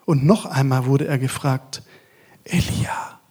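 A man delivers a sermon as a guest preacher, dropping for long stretches into a hushed, intimate whisper. His tone is very breathy and husky, and his voice sits a little high for a man. Between the whispers he declaims loudly and slowly.

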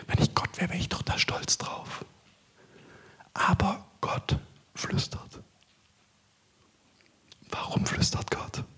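Preaching as a guest, this man shifts from extended stretches of quiet whispering to loud, deliberate proclamation.

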